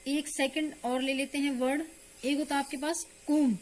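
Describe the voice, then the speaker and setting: A woman teaches English pronunciation online, explaining in Hindi with an Indian accent and patiently asking "clear?" again and again to check understanding. Her high voice is flat and a little mellow at a moderate pace, with a faint hiss or hum in the recording.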